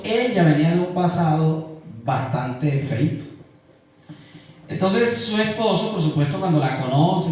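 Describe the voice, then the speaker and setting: A middle-aged pastor with a costeño accent from Colombia's Caribbean coast preaches a sermon, earnest and colloquial, putting questions to his congregation. His voice is on the high side. The mic sits far off in a very echoey church hall, and a little hiss or hum can be heard.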